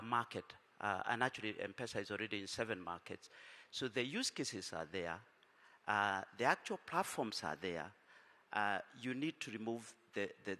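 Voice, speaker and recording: Low-voiced man answering on a panel. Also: bright, forceful tone. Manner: businesslike, many fillers and restarts. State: tired from little sleep. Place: conference hall. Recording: reverberant conference hall.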